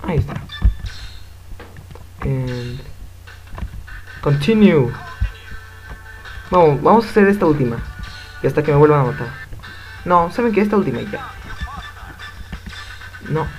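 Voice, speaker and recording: A man's voice: a little high, animated, moderate pace, pauses often. A young man with a Mexican Spanish accent commenting casually on a fighting game as he plays, swearing in frequent outbursts. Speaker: gamer. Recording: game music loud behind voice.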